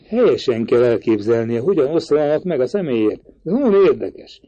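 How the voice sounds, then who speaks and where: A man's voice: medium pitch, big pitch swings, warm tone, dry recording. A man voicing an earnest young man in an audiobook, explaining and persuading eagerly. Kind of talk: audiobook reading. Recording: dry, slightly dull recording.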